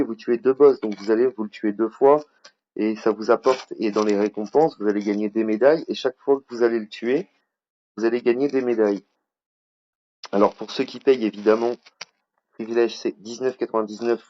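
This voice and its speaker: A chatty man with a French accent walks through a game tutorial in a loose, rambling way, talking at a middling pitch. The audio is a bit dull and lo-fi. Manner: rambling, chatty, self-admitted over-talker. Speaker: mobile strategy game YouTuber. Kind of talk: casual game tutorial over screen capture.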